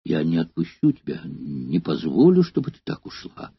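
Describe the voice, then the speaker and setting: A man's voice: extremely low pitch, huge pitch swings, moderate pace, breathy edge, dry recording, pitched below the performer's own voice, exaggerated voice. A man voicing a huge, hot-tempered Germanic warrior who begs his beloved's forgiveness, in an audiobook reading. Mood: imploring. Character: remorseful giant Germanic warrior, hot-tempered but loving. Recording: dull lo-fi dry recording.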